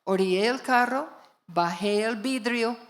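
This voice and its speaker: Animated woman pastor preaching a sermon. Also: a little high, unhurried. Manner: animated storyteller, emphatic calls to the congregation. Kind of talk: storytelling sermon. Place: church before a congregation.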